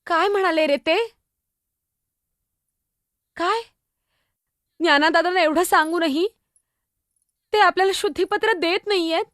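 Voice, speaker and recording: एका स्त्रीने साकारलेली लहानगी मुक्ताई, अवखळ, गप्पिष्ट, खूप उंच आवाज, एकपात्री नाटक. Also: female voice, very high-pitched, measured pace, pauses often, a bit bright, no room sound, clean studio sound. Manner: chatty, teasing, innocent, exclamatory. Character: young girl, Muktai, lively younger sister. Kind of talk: solo stage monologue.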